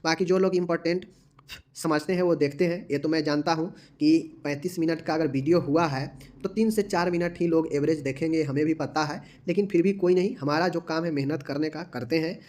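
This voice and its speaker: A man's voice: on the high side, fairly quick, a little mellow. Man drilling nursing abbreviations with repetition. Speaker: nursing exam tutor. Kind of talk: online exam-prep lesson.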